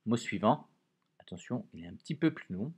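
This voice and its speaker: A man teaching, giving a dictation to young pupils, speaking slowly and stressing each dictated word clearly. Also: on the low side, big pitch swings, warm tone.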